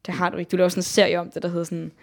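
A young woman chatting as a podcast co-host. She is blunt and quick to call things ugly. She drops English phrases in and searches aloud for words. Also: lowish voice, completely flat delivery. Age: young adult. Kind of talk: casual chat.

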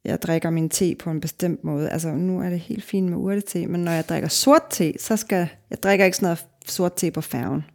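A woman's voice: on the low side, hardly any pauses, a little mellow. A middle-aged woman from Denmark, a guest author in a casual podcast conversation, talking reflectively in long winding sentences full of fillers.

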